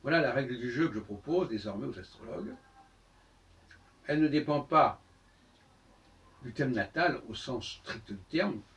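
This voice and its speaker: An older man, an astrologer with a mid-range voice, gives a solo lecture to camera in a book-lined room. He explains things haltingly, with many pauses and restarts. A tripod-mounted camera picks him up from far away.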